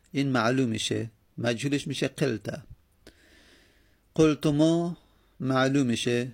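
A man teaching a grammar lesson, patiently reciting verb forms in steady repeated drills. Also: medium pitch, creaky. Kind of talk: grammar lecture with recited conjugations.

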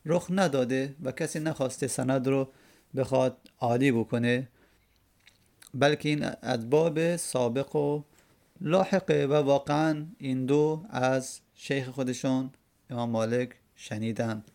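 A man's voice: medium pitch, darkish tone. A man giving a religious lecture, explaining a quoted Arabic verse word by word and repeating key terms. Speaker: religious teacher. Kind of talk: classroom lecture explaining a hadith text.

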